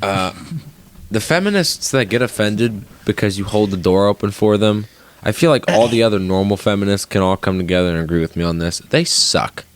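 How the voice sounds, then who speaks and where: A young man co-hosting a podcast, telling stories in fast, profane, animated casual chat. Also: lowish voice. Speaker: podcast co-host.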